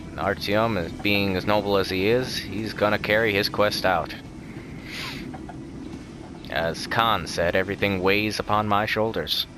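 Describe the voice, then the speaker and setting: Against a noisy background and game music, a young gaming channel host with a lowish voice plays through a casual let's-play. He is chatty and jokey, rambling along and often correcting himself.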